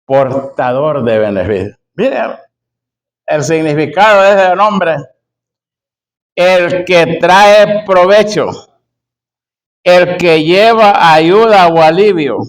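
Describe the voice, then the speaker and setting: Slow, emphatic preacher man. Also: high-pitched, poor audio. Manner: emphatic, repeats key phrases slowly; addresses listeners as brother and sister. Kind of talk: sermon.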